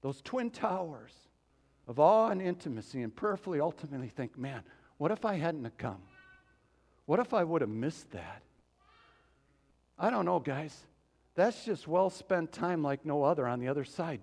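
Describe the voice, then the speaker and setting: A pastor with a high, gravelly voice preaches to his congregation in a church sanctuary, speaking loosely and conversationally and often wandering into asides. The church hall gives the recording a long reverb.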